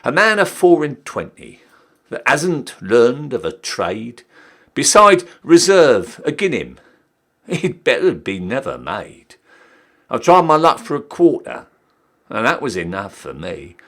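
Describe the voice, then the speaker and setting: A young adult man performs a dramatic poetry recital in the voice of a cheeky, down-at-heel Victorian British army ranker who is re-enlisting. His medium-pitched voice moves slowly and is exaggerated, wildly animated, theatrical and emphatic, with a swooping delivery. The mood is rueful yet defiant.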